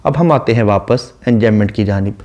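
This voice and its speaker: A man, explaining a sonnet as a literature lecturer, reading the English lines slowly before explaining them. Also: lowish voice, a little mellow, lo-fi sound. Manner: reads English verse slowly, then explains.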